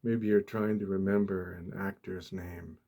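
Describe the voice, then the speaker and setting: In a hushed, breathy ASMR meditation, a man with a low, mellow voice guides the listener softly. His delivery is flat, very slow, gentle and deliberate, broken by long pauses.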